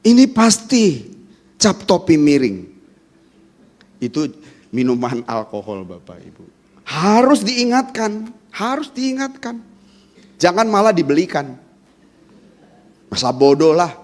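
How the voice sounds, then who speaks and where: A man's voice: a little high, big pitch swings, unhurried, long pauses, darkish tone. A male pastor delivers a sermon at a Sunday service, his voice swinging widely up and down as he preaches. He talks directly to the congregation and keeps throwing rhetorical questions at them. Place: church during a Sunday service.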